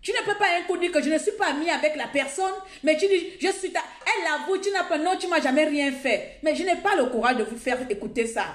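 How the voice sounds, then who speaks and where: A woman's voice: sits high, expressive, fast talker, few pauses, echoey room. A woman, ranting indignantly and emphatically to her followers in a live video. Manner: indignant, emphatic, talks straight to viewers. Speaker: live streamer addressing followers. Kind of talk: heated live video rant. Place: outdoors.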